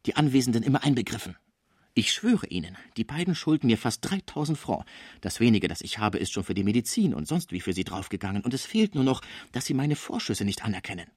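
A man's voice: mid-range voice, very animated, fast talker, a little mellow, slightly rough, no room sound, studio quality. A man voicing a scheming middle-aged concierge woman who nurses the sick, overwrought and indignant as she protests her honesty.

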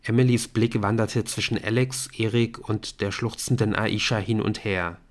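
A man narrating an audiobook in a steady, even reading voice. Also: lowish voice, normal speed.

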